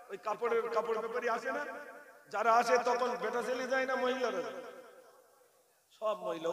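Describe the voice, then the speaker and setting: Man, very high voice, joking preacher, echoey hall, crowd noise. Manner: storytelling with quoted voices, asks the crowd questions. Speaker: Islamic preacher and ghazal singer. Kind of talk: humorous Bengali waz sermon to a crowd. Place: outdoor religious gathering with a large crowd. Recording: echoey PA sound, crowd behind.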